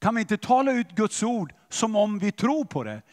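A man preaching a sermon in a church, animated and often asking the listeners if they follow. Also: high-pitched. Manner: animated, questioning the audience. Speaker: pastor. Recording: church hall reverb.

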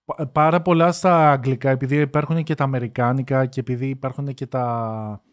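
A man's voice: mid-range voice, steady tone. A young man in casual podcast chat, explaining at length with frequent restarts. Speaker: podcast co-host.

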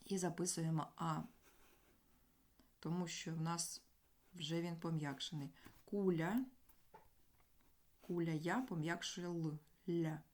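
A woman teaching a grammar lesson, explaining sounds deliberately and sounding out letters and words one by one. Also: on the low side.

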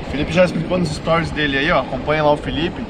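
A man's voice: on the high side, steady tone, fast talker. A man, hosting a casual, slangy, jokey fishing vlog and addressing viewers directly. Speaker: fishing video host. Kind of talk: casual outdoor vlog commentary. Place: open small motorboat at sea. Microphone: action camera on the boat. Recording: loud wind and boat noise.

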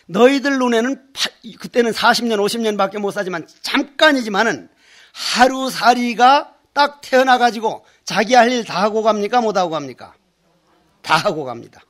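Speaking at normal speed in a high, expressive, slightly bright voice, an older monk gives a Buddhist dharma talk. His sermon is full of folksy tales, dialect voices for the characters, and emphatic repetition.

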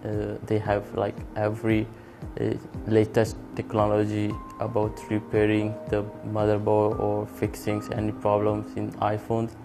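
A man speaks in an extremely flat, unvarying tone that sits a little low. His testimonial is plain and hesitant. Clear music plays beneath him. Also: a little slow. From Italy. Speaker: training course participant. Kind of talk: interview testimonial. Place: indoor studio with grey backdrop. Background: music bed.

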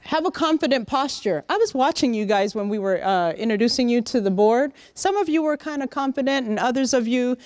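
A middle-aged woman giving a lively, direct motivational talk to young interns in a large conference room, speaking into a handheld microphone. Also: on the high side, brisk, hardly any pauses, dry recording. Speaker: workshop speaker. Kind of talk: motivational professional-development talk.

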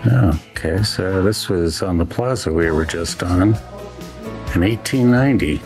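A man casually narrating a travel vlog as he walks around, relaxed and unhurried. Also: deep voice, over music. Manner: relaxed, unhurried commentary while walking around. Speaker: travel vlogger. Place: walking around a train station and hotel, indoors and outdoors.

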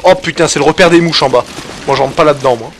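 Guy narrating his game run, fairly high voice, swears a lot, game audio loud in the background. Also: quick pace. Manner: excitable, swears often, talks to viewers. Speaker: gaming channel host. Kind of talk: live gameplay commentary. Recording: loud game sound over the voice. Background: game audio and noise.

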